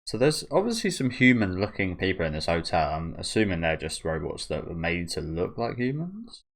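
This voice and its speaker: A man's voice: low-pitched, sing-song, fairly quick. A man giving casual, rambling reaction commentary as the host of a video channel.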